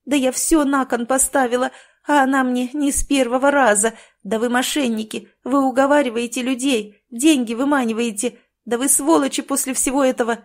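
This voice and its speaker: A woman narrator voicing a distraught young woman patient who shouts accusations near tears, in an audiobook. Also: high-pitched, fairly even intonation, moderate pace, voice pushed up. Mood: angry outburst. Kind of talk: audiobook reading.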